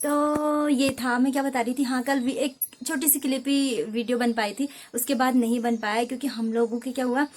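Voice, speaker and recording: A woman's voice: high-pitched, fairly even intonation, moderate pace, few pauses. A young woman from Uttarakhand with a Kumaoni accent, chatting casually and rambling in a village vlog, correcting herself as she goes. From Uttarakhand, India. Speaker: vlogger. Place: outdoors at a village home.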